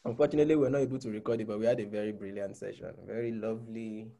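Gravelly man leading an online group call. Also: on the low side, fairly even intonation, rapid-fire, warm tone. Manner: calls on people by name to recap. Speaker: discussion group facilitator. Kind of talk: casual online group meeting. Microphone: video call.

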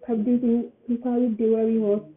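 A woman's voice: a little high, flat delivery, very fast. An eighteen-year-old woman giving her opinion in a casual vlog, rambling and often repeating her phrases. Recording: tinny phone-like sound.

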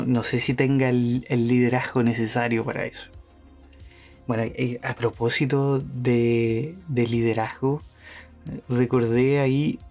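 A man with a medium-pitched, slightly mellow voice hosts a podcast, thinking aloud in a casual monologue. He's hesitant, with lots of fillers and restarts.

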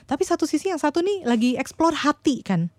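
A woman co-hosting a casual podcast chat as a parenting counselor, encouraging and quick to agree. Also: sits high, big pitch swings, dry recording, studio quality. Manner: encouraging, frequent agreeing backchannels.

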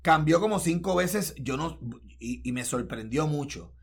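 Animated man reviewing films. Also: a little high, a little slow, creaky, slightly rough. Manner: animated, mixes English into Spanish, many restarts. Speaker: podcast co-host. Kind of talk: casual film review chat.

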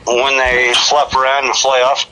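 A man's voice: medium pitch, monotone, a little slow, over a noisy crowd. A man calling in to a podcast by phone and heard over the speaker, chatting loosely and joking, with a casual, cursing manner. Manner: loose, joking, swears freely. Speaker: podcast caller. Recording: noisy speakerphone line.

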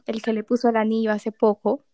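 A woman's voice: a little high, level tone, a little fast, dark tone, dry recording. A young woman host, chatting playfully and tossing in English exclamations. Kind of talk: casual chat.

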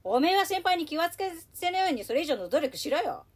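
A woman playing a cheerful female radio host who is polite and bright on air but turns rough and blunt off air. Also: sits high, big pitch swings, fast. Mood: rough, scolding. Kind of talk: comedy radio sketch.

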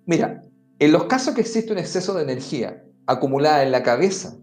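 A man's voice: a little high, animated, fast talker, a little mellow. A man on a podcast giving advice, explaining conversationally and talking straight to the listener. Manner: talks straight to the listener, often saying "mira" and "amigo". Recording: roomy echo with faint music.

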